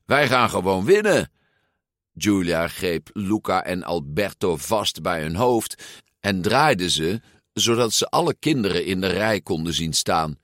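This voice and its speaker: A man reading a children's story aloud in an expressive, unhurried way. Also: low voice, no room sound, clean studio sound. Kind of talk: storybook read-aloud narration.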